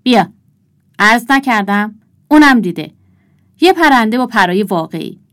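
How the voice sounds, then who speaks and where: A woman's voice: fairly high pitch, animated, a bit bright. A woman voicing a proud, wistful toy owl in a storybook, speaking earnestly. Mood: insistent.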